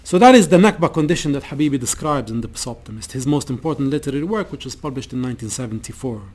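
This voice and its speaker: A man giving an academic lecture and reading passages from a novel aloud, in a measured, deliberate way with occasional restarts. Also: medium pitch, animated, a little mellow, slight background noise.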